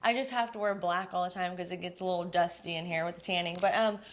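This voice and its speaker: Talking fast in a fairly low, fairly even voice, this Texas woman in her thirties, a salon owner from Dallas-Fort Worth, keeps her casual interview answers upbeat and chatty, with lots of fillers.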